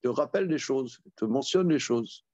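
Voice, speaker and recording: A man, a rabbi, teaching a Torah study class. He reads verses aloud, then explains them in a halting way with many repeated words. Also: medium pitch, expressive, warm tone, no room sound, lo-fi sound. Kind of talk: Talmud study lesson.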